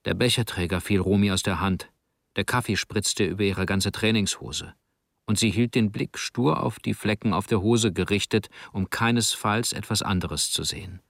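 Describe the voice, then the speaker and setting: A man narrating a literary short story in a calm, measured reading. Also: on the low side, vocal fry, no echo, studio quality. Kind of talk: audiobook narration.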